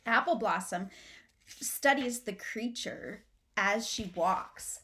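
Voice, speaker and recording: In a small furnished room at home, a middle-aged woman reads a children's storybook aloud like a teacher, expressively, as if to young listeners. Her medium-pitched voice is bright and forceful, and she takes her time.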